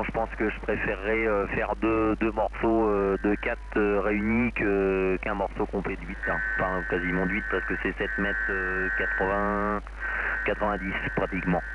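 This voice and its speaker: A Frenchman speaking as an amateur radio operator chats casually and hesitantly, rambling through his thoughts at a moderate pace. His voice is on the low side with little pitch movement. It comes over an amateur radio link, so the sound is dull and noisy.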